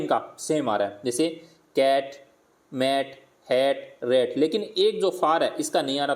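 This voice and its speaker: Man teacher, slightly high voice, repeats and sounds out words. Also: darkish tone. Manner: explains slowly, repeating words and sounding them out; asks questions and answers them himself. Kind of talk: worksheet lesson for primary pupils.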